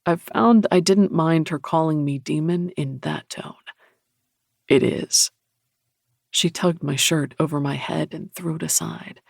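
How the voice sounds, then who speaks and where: A man narrating a romance audiobook in the first person, measured and intimate. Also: fairly high pitch, vocal fry, dry recording, clean studio sound.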